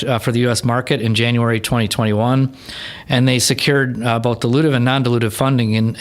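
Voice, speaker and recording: A man hosting a podcast interview, introducing his guest with enthusiasm and the odd filler. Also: mid-range voice. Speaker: podcast host.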